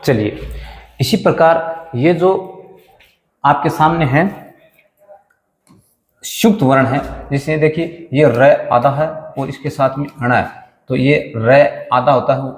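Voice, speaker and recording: A man teaching a class lesson, patiently explaining how letters join, asking questions and answering them himself and repeating sounds slowly. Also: mid-range voice. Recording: echoey room with long reverb.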